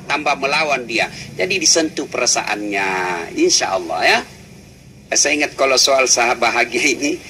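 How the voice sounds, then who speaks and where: Middle-aged man preaching with humor and teasing; bright, punchy delivery, faint noise behind. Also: medium pitch. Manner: animated, teasing, swings into acted voices. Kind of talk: humorous sermon.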